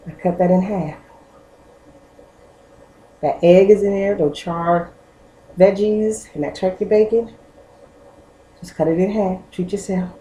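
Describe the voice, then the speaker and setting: Slow-talking woman cooking in an echoey kitchen. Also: mid-range voice, fairly even intonation, warm tone. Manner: chatty, talks straight to viewers, hums while tasting. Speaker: home cooking vlog host. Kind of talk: casual cooking vlog. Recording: echoey room with faint ambience.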